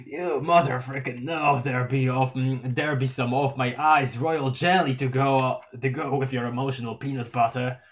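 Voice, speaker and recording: A man voicing a mellow, laid-back clown troll boy, reading his lines in a slow, drawling, stumbling way. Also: medium pitch, fairly even intonation, close to an everyday voice. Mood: dopey cheerful. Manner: drawling, stoned, fumbling over words.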